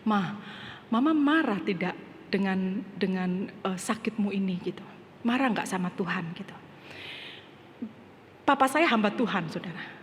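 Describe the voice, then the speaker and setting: A middle-aged woman pastor from Indonesia preaching a sermon, telling a personal story and rising to loud, emphatic passages, mixing English phrases into her speech. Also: on the high side. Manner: storytelling, swells to loud emphatic preaching, drops to soft asides. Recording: long hall reverb with faint background noise.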